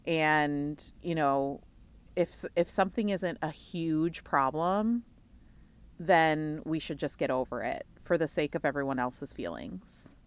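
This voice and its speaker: A young woman co-hosting a casual chat, animated and laughing often as she acts out quoted lines. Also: sits low, measured pace, clear, resonant tone. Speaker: podcast co-host.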